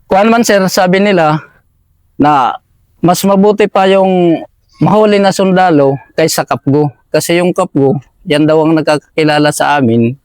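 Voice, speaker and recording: A man tells his wartime escape in a somewhat high voice, deferentially tucking "sir" into nearly every phrase. The sound is dry and close. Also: normal speed, darkish tone, clear, resonant tone, no room sound. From Eastern Samar, Philippines. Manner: deferential, says "sir" constantly. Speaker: militiaman guest. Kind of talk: recounting a war story.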